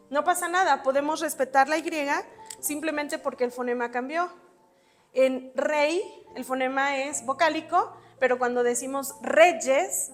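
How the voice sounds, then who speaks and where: A woman giving an exam-prep spelling lesson, patiently explaining rules step by step with examples while writing on a board. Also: high-pitched. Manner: writes on a board while talking. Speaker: spelling teacher.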